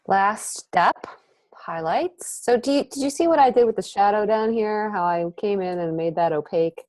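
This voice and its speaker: A woman teaching a painting demonstration, thinking aloud in a relaxed, chatty way and breathing heavily as she works. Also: mid-range voice, normal speed, no echo. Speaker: painting instructor. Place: art studio.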